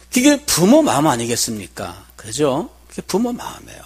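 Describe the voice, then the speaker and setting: Husky-voiced middle-aged male pastor preaching. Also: mid-range voice. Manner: conversational storytelling, asks the congregation questions. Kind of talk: sermon.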